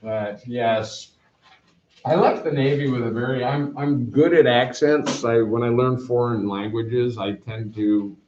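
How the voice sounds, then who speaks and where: A middle-aged Canadian math teacher with a lowish, darkish voice chats and rambles to his class in a self-deprecating way, filmed by a camera across a classroom with a whiteboard. The recording is roomy and dull, with slight background noise.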